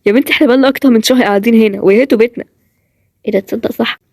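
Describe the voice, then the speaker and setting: A woman's voice: on the high side, very fast, darkish tone, no room sound, studio quality. A woman with an Egyptian accent, voicing chatty characters in a cartoon role-play series. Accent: Egyptian Arabic.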